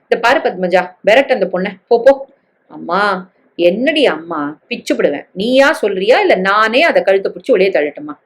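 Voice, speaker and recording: A woman's voice: medium pitch, expressive, normal speed, lightly acted. A woman voicing a harsh, scornful middle-aged mother who scolds with contempt.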